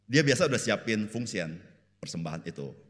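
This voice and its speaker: A man with a lowish voice preaches in a Jakarta slang accent, telling stories loosely and joking with the congregation. He leaps into high voices to play the people in his anecdotes. His words ring out with the long reverb of a church sanctuary. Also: a little fast. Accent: Jakarta Indonesian slang. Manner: folksy storytelling, jokes, keeps saying "saudara"; jumps into high animated voices to act out people in the story. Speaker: pastor. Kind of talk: sermon.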